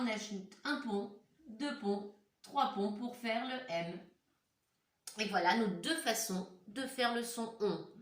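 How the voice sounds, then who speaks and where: A woman's voice: medium pitch, recorded from a distance. A woman teacher patiently walking young children through a handwriting lesson step by step, recorded at home. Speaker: primary school teacher. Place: room at home. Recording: echoey room, voice set back from the mic.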